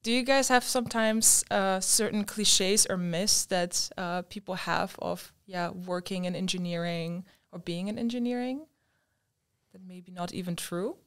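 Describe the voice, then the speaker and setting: Young female podcast host, lively and expressive, smooth studio-mic voice. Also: fairly low pitch, measured pace. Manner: lively, gestures with both hands while talking. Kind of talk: casual podcast interview. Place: room with large windows. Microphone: studio mic on a stand.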